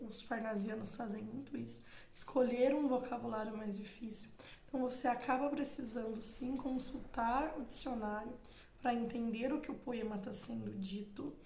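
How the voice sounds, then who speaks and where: A woman's voice: a little high, vocal fry, a little mellow. A young woman with a Brazilian Portuguese accent, teaching a literature lesson for an exam, reading verse aloud and explaining it directly to students. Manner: explains slowly, addresses students directly, reads verse with emphasis. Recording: echoey room.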